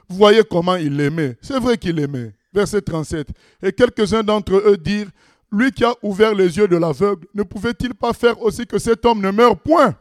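A man preaching a sermon, reading scripture aloud and commenting on it, swinging between loud exclamations and low asides. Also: no echo, clean studio sound.

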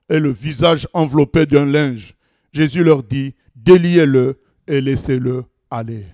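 A man preaching a sermon, reading scripture aloud and commenting on it, swinging between loud exclamations and low asides. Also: no echo, clean studio sound.

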